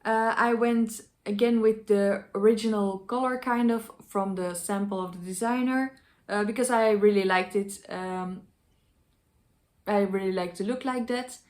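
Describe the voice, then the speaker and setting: Casting: woman craft vlogger, unscripted, hesitant, conversational show-and-tell, mid-pitched voice, rain falling on the roof behind. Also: steady tone, unhurried. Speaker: knitting vlogger. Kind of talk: casual chat to viewers about knitting projects. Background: rain pouring on the roof.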